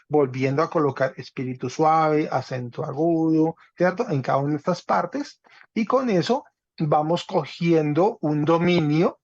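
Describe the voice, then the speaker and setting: A man's voice: a little high, darkish tone, dry recording. A man teaching a Greek class online, patiently checking that students follow along. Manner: patient, checks understanding with "¿cierto?". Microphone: video call. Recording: slightly dull, dry online call audio.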